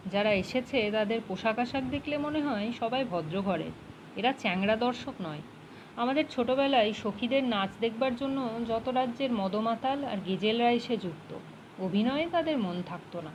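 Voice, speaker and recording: A woman's voice: on the high side, expressive, normal speed, background noise, lightly acted. A woman reading the lines of a chatty, teasing middle-aged male writer friend in a storybook reading. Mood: friendly. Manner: teasing, talkative.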